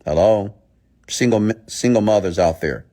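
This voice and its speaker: A man's voice: on the low side, measured pace, mellow. A man giving a motivational mindset talk in a blunt, scolding, emphatic way, repeating phrases and posing rhetorical questions. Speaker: motivational speaker and host.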